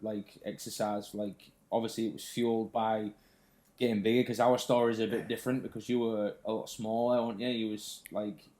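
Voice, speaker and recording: A man's voice: fairly low pitch, flat delivery, normal speed, dark tone. A young man from the UK, chatting casually and laughing easily as a fitness vlogger. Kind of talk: casual chat.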